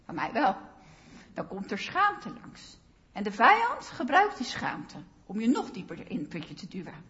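A woman preaching a sermon in a slow, earnest way, pressing on key phrases. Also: medium pitch, huge pitch swings, fairly bright tone, lo-fi sound.

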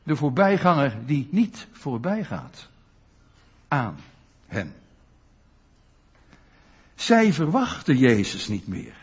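A man preaching a sermon, animated and often putting questions to his listeners. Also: medium pitch, slow, long pauses, breathy edge. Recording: dull lo-fi sound.

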